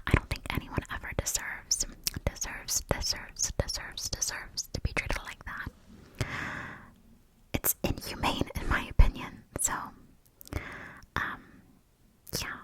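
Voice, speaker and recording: Whispering young American woman, ASMR ramble. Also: poor audio. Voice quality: breathy whisper. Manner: rambling, repeats words slowly. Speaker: ASMR creator. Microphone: close mic for cupped whispering.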